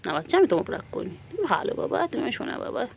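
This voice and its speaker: A woman vlogger talking sing-song baby talk to her cat on a rooftop, repeating pet words and dropping to soft murmurs. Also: lowish voice, huge pitch swings, rapid-fire, vocal fry, slight background noise. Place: rooftop outdoors.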